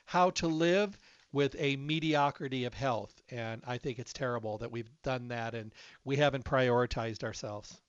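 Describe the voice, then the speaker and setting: A man's voice: medium pitch, normal speed, no room sound. Earnest man as interview host. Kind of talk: casual interview talk. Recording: dry, slightly dull sound.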